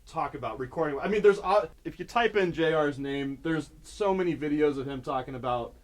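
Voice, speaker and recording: Chatty host with a slightly high voice. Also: male voice, fairly quick. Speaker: podcast host. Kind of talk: casual interview chat.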